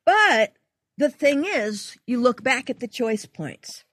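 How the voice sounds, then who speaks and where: A woman's voice: fairly high pitch, takes it slowly, no room sound, clean studio sound. An older woman, a guest artist, telling a story in casual conversation and acting out the quoted lines. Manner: animated, acts out quoted dialogue.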